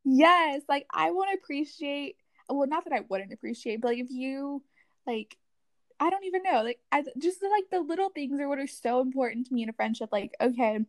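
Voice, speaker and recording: A woman's voice: high voice, normal speed, dry recording. A young woman in casual chat, talking animatedly and filling her sentences with "like". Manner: chatty, lots of "like", animated.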